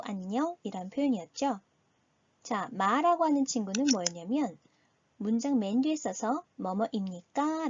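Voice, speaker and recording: A woman teacher giving a recorded Chinese lesson, patiently explaining and slowly modeling pronunciation. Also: a little high, a little mellow, breathy edge, no room sound, dull audio.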